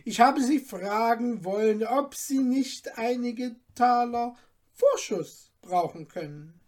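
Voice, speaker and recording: A young man in disguise as a kind moneylender, coaxing and slow, voiced by a woman reading aloud. He lingers over his words with sly warmth. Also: a little high, animated, voice pushed up.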